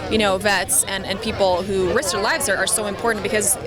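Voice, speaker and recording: A woman's voice: medium pitch, fairly even intonation, a little fast, over loud music. A woman, an actress and TV host from Spain, chatting at length and teasing herself in a red carpet interview outdoors. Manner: chatty, rambling, self-deprecating. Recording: busy crowd chatter outdoors.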